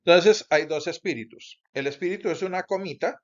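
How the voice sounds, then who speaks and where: A man teaching Bible Greek in a recorded lecture, explaining slowly and deliberately with pauses and self-corrections. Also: high voice. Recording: dull lo-fi recording.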